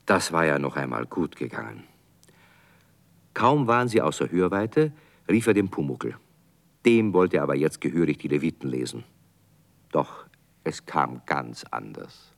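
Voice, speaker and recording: Man, very deep voice, radio play narrator, calm storytelling, lively intonation. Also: unhurried, gravelly, long pauses.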